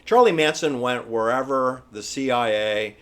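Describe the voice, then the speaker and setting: A man giving informal, opinionated history commentary in an emphatic, halting, repetitive manner. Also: medium pitch, clear, resonant tone. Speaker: presenter. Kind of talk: informal conspiracy-history commentary over pictures.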